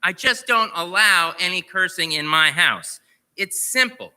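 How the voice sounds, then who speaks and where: A man's voice: sits high, expressive, measured pace, pushed and bright, clear, resonant tone, heavily acted. A man playing an exasperated pet owner sternly scolding his cursing parrot, his voice pushed up and raised. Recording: long reverb of a large hall.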